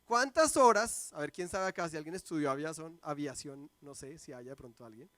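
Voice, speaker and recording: A man in his thirties, a pastor, preaching a sermon and telling family stories with lively, acted-out quotes. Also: fairly high pitch, a little fast, no echo. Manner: lively storytelling, acts out quoted voices. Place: church sanctuary.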